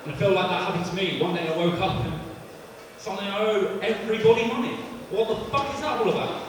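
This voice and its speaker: A sardonic young man, doing a rambling stand-up set that now and then bursts into shouting. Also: sits high, fast. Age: 20s. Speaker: stand-up comedian. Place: live comedy venue. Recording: echoey hall from far off, crowd.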